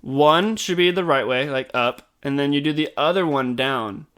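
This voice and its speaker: A man's voice: on the high side, moderate pace, a bit bright, clean tone. A young man co-hosting a podcast as the film expert, chatting casually, swearing freely and reading trivia aloud.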